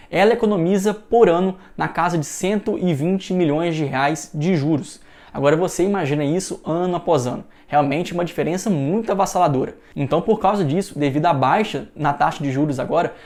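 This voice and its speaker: A young Brazilian man hosting an investment channel, explaining the market in an energetic, persuasive scripted talk. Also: fairly high pitch. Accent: Brazilian Portuguese. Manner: energetic, persuasive, many fillers like "realmente".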